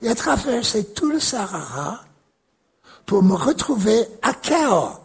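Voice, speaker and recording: A man preaching a sermon and telling a story, leaning into repeated words with animated emphasis. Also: high voice, a little slow, creaky, breathy edge. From United States.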